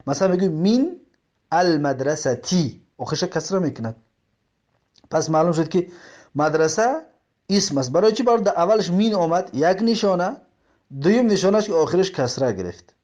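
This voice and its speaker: A man with a Tajik accent teaches Arabic grammar step by step, repeating terms, giving examples, and reading the Arabic text slowly word by word. His voice is high and darkish in tone, with lively intonation.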